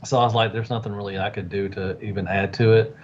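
A man in a relaxed, rambling casual chat about toy collecting, with lots of fillers. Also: fairly low pitch, fast. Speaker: podcast co-host. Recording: muffled lo-fi sound with faint background noise.

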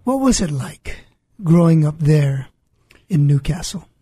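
Mellow, husky male radio host. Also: on the high side, animated, unhurried, no echo. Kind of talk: scripted radio introduction and interview.

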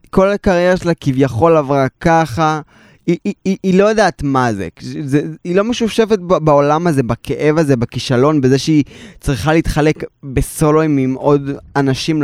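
A man co-hosts a chatty podcast, ribbing his partner and walking through long examples. His voice is smooth and resonant, recorded close and dry. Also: fairly high pitch, darkish tone, no room sound. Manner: teasing, explains with long examples. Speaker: podcast co-host. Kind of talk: casual podcast debate.

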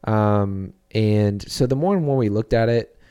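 A man's voice: lowish voice, measured pace, mellow, clear, resonant tone. A young adult man, a children's church pastor, talking earnestly and reflectively in a podcast interview, with frequent fillers and restarts.

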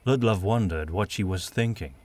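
A man's voice: sits low, darkish tone. Man narrating a fantasy audiobook. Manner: measured storytelling, doing all the voices.

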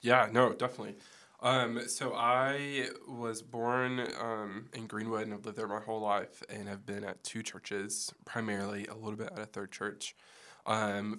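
A man with a gravelly, hoarse voice that sounds like it is giving out, chatting casually as an interview guest. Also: lowish voice, bright, forceful tone. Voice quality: gravelly, losing his voice. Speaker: podcast guest, church production staff. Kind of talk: casual interview, recounting his background.

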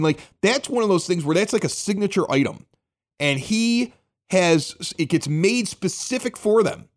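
Animated joking radio host. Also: male voice, fairly high pitch. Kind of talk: casual local talk show chat.

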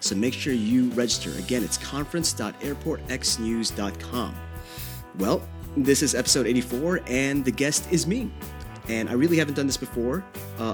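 A man in his thirties from the Philippines hosting his podcast alone, answering listener questions in a conversational way with many fillers and restarts. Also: medium pitch. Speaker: podcast host. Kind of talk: solo podcast Q&A.

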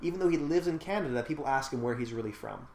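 Slightly high and a little mellow, this man's voice has lively intonation and a fast pace. As a podcast host, he reflects at length on a film in relaxed conversation, leaning on many fillers, in a room that echoes with faint noise.

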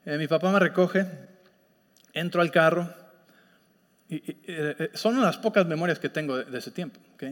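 Man, pastor, high voice, conversational sermon, long hall reverb. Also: normal speed, pauses often, fairly bright tone. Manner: conversational storytelling with frequent check-ins. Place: church sanctuary.

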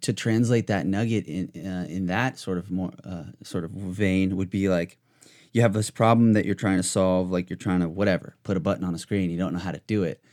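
A man's voice: low voice, fairly even intonation, brisk, darkish tone. A man hosting a podcast, talking in a loose, rambling way full of fillers and restarts. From United States. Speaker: podcast host. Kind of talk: casual podcast chat.

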